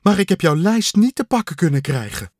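A kindly storybook frog, as a male narrator puts him on, gentle and obliging in a lifted, lively voice. The sound is close and dry. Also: high-pitched, unhurried, no echo, pitched above the performer's own voice, heavily acted. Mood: hurried. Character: friendly, patient male frog friend.

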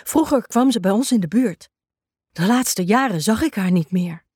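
A woman's voice: medium pitch, animated, moderate pace, a little mellow, breathy edge, no echo, studio quality. A woman voicing a small, timid male dog in a children's story. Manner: timid and unsure.

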